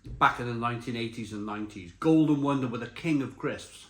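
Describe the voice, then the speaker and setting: A middle-aged British man giving a casual, chatty crisp review while tasting and eating, repeating phrases for emphasis. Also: medium pitch, a little fast. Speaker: snack reviewer. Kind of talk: casual spoken review to camera. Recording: roomy echo, faint background noise.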